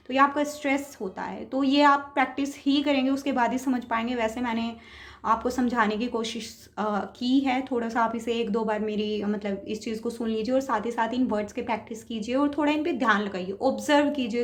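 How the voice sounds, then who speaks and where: Woman teacher, bit high voice, patient lecture, explains step by step. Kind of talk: lecture on speech, mixing Hindi and English terms.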